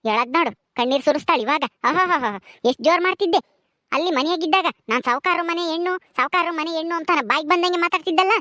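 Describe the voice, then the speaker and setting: Brief: woman as a taunting village mother-in-law, very high sharp voice, dry sound. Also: fast talker, dry recording. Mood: scornful. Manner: sneering, taunting, mocking laughter. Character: scolding village mother-in-law, proud and bitter.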